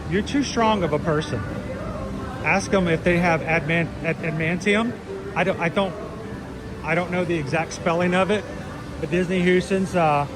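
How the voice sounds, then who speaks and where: Man, high-pitched, R's pronounced as W's, casual livestream host, self-deprecating, music in the background. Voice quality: can't pronounce R's, says w for r. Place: outdoors at a theme park.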